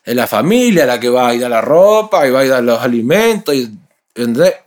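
A young man with a Uruguayan Spanish accent talks in a casual interview. He tells his stories with animated street slang and switches into other people's voices as he goes. His pitch sits in a typical middle range for a man. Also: a little fast. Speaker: rapper guest.

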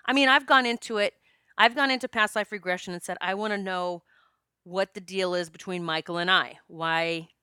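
This woman in her fifties, a past life regression practitioner, speaks at a moderate pace in a steady, mid-range voice that is smooth yet bright and forceful. The clean studio recording has no echo, and her casual spiritual monologue is chatty and joking, with stories and quoted dialogue.

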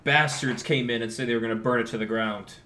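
A man's voice: mid-range voice, fairly even intonation, fast talker, bright, forceful tone, a little hiss or hum, lightly acted. A man voicing a male adventurer who feigns outrage to stir up a crowd. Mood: indignant. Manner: indignant.

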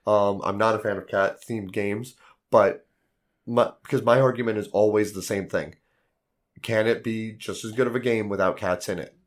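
A man hosting a board game podcast in casual chat, his voice hoarse and worn out from yelling. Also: on the low side, steady tone, moderate pace.

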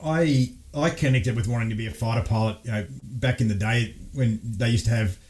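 An Australian man, a former fighter pilot, telling lively stories as a podcast guest, laughing often and restarting his sentences. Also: mid-range voice, fairly quick, a little hiss or hum. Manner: animated storyteller, laughs often, frequent restarts. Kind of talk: casual storytelling interview.

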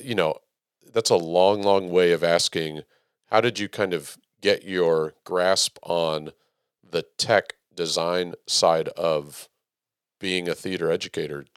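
A man hosting a casual interview, talking in a measured, even way that he calls monotone himself. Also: low-pitched, clear, resonant tone, no echo, studio quality. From Texas. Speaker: podcast host, theater educator.

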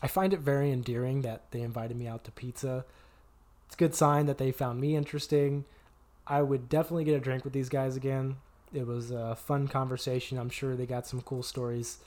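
A man's voice: medium pitch, steady tone, brisk, darkish tone. A man hosting a podcast, giving an upbeat, promotional outro as a dating coach.

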